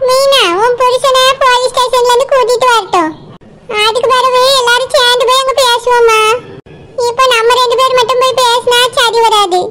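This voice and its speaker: A soothing village aunt. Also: female voice, very high-pitched, fairly even intonation, moderate pace, sharp tone. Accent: Tirunelveli Tamil. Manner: soothing, motherly. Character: caring older village aunt who soothes the family.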